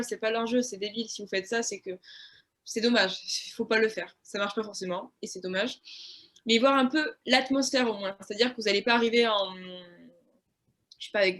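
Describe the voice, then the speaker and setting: Lively young woman with a southwestern French accent. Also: on the high side. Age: young adult. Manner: lively, frank, laughs often, acts out quotes. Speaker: student guest. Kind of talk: casual conversation.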